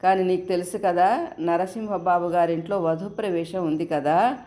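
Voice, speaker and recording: A woman voicing an affectionate, teasing young woman in a storybook reading, with a raised, lively delivery. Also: on the low side, moderate pace, lightly acted.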